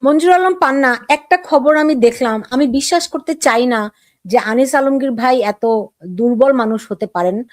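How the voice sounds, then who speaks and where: Middle-aged female talk show host, probing, slightly high voice, dry close sound. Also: normal speed, no echo. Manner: probing, conversational questions. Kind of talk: political talk show interview.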